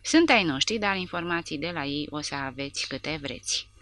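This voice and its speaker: A woman's voice: low-pitched, no room sound. A woman voicing a brutal, mocking male soldier who interrogates prisoners with harsh threats. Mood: menacing. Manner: harsh, sneering, shouting threats.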